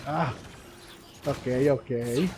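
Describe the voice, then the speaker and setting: A gaming video creator offers casual commentary during a playthrough, musing hesitantly as he thinks out loud. His voice is medium-pitched, slow and a little mellow, with game music in the background.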